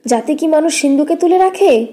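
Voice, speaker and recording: A woman voicing a sharp-tongued middle-aged elder sister-in-law who scolds in a raised, scornful tone, read as an audiobook character. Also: high voice, lively intonation, a little fast, pitched above the performer's own voice. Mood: scolding.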